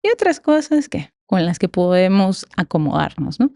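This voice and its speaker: Mujer mexicana de voz suave y cálida. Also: female voice, on the low side, big pitch swings, normal speed, mellow, no room sound, studio quality. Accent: Mexican Spanish. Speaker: academic guest. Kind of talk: conversational explanation in a podcast interview.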